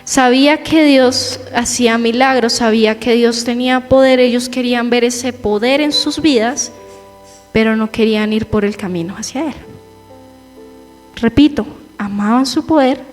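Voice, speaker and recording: A young woman giving a personal testimony in church, telling her story with lively quoted asides. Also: a little high, normal speed. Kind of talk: testimony sermon. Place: church hall. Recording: reverberant church hall with faint music.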